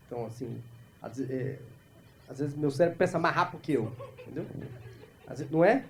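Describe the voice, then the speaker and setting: A Brazilian man working the crowd in an improvised stand-up set, rattling off quick jokes and needling people in the front rows. His pitch leaps and dips constantly as he talks. The live club recording carries clear background noise. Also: animated. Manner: fast-talking, playful, teasing the audience. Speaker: stand-up comedian. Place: comedy club stage with live audience.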